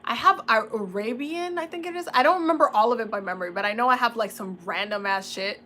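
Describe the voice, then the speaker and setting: A young woman from the Dominican Republic chatting casually as a tarot reader, laughing often and using relaxed slang. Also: a little high, fast talker, a little hiss or hum. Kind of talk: casual livestream chat.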